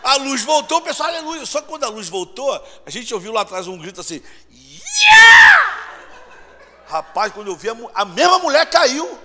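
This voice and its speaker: A man preaching a lively storytelling sermon, acting out voices and shouting at times. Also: very high-pitched, fast, hardly any pauses. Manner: animated, acts out voices and shouts. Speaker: pastor. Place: church sanctuary. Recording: long church hall reverb.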